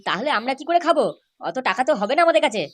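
A woman's voice: high-pitched, lively intonation, rapid-fire, very noisy. A woman playing a crude rowdy young man. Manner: swearing, loud. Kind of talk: comic cartoon voice acting.

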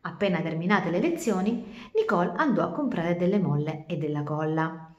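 Lively woman teacher reading aloud. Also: fairly low pitch, moderate pace, dull audio. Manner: warm chatty asides to children, expressive reading. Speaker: teacher reading stories to children. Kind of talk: storybook read-aloud. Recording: roomy echo.

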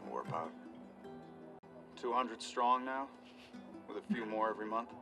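A calm male survivor radio operator from a video game. His low voice is measured and matter-of-fact, heard through a radio filter over clear guitar music. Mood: calm, welcoming. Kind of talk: video game drama acting.

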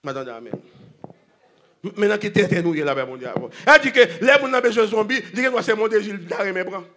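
A man preaching a sermon at a church convention, swinging between shouting and hushed storytelling. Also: high-pitched, lively intonation, fast.

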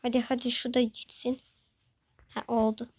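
There's background noise as a young host plays and narrates live, excitedly shouting urgent commands at the screen and saying the same phrases again and again. Their voice is mid-range and they speak at a normal speed.

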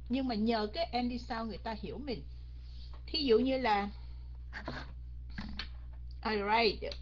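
A woman's voice: fairly high pitch, dull audio, slight background noise. A woman teaching English pronunciation in an online class, mixing in English words and repeating each word again and again as a drill. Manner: drills words by repeating them many times; mixes English words into her speech.

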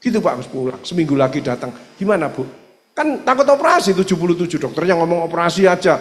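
A man with an East Javanese accent, a doctor giving an animated religious health seminar talk, acting out dialogues. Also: a little high, racing. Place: seminar hall. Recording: echoey hall reverb.

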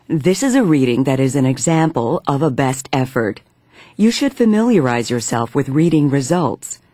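A man reading scripted instructional narration in a measured, step-by-step manner. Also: medium pitch, darkish tone, dry recording, clean studio sound.

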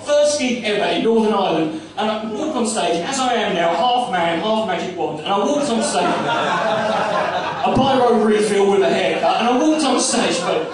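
A man's voice: high voice, animated, moderate pace. A man doing a stand-up routine, brash and profane, mocking himself. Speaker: stand-up comedian. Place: comedy club stage. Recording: echoey live room from far off, crowd. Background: audience laughter.

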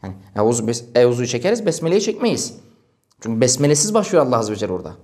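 A man's voice: mid-range voice, racing. A male preacher telling a story in a religious talk, acting out the dialogue. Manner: animated, acts out quoted dialogue.

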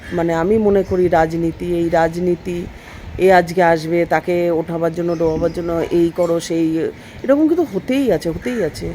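A woman's voice: lowish voice, warm tone. A woman talks in a casual, earnest vlog. She starts over often and chats freely as she goes. She is recorded outdoors on a rooftop, with a faint hum of noise behind her. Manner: earnest and chatty, with frequent restarts. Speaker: vlogger.

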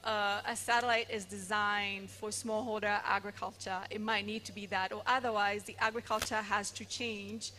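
A woman speaking as a panelist at a conference, explaining points in a measured way with occasional fillers, on a handheld microphone. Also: mid-range voice, level tone, sharp tone. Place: large conference hall stage.

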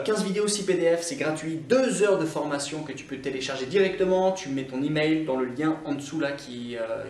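A man's voice: fairly high pitch, a little hiss or hum. A man from Scotland, an online English teacher, giving a chatty YouTube language lesson full of small hesitations. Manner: lively and chatty, many hesitations. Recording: roomy, distant mic.

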